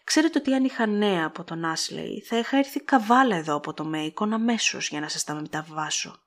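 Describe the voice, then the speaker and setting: Woman reading as a fussy earnest middle-aged guy, explains stuff, bit reproachful, husky low voice. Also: lively intonation.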